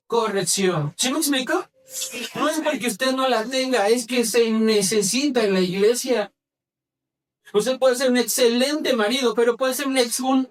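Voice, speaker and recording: A male pastor preaching in church, quizzing the congregation and having them repeat phrases back, moving between brisk and slow, soft delivery. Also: extremely high pitch, distant mic. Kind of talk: sermon.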